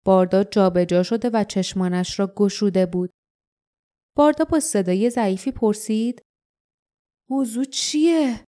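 A woman reading an audiobook aloud in a calm, even narration. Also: medium pitch, clean tone. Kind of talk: scripted narration.

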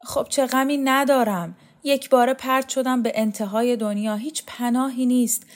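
A woman's voice: on the high side, fairly even intonation, pitched above the performer's own voice, close to an everyday voice. A woman voicing an exhausted, bitter young man who speaks in an agitated, pleading way. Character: weary desperate young man, bitter and rebellious.

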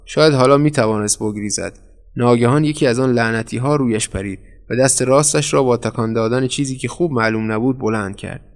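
A man narrating a short story aloud in a measured, dramatic way. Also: mid-range voice. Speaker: audiobook narrator. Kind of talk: scripted narration.

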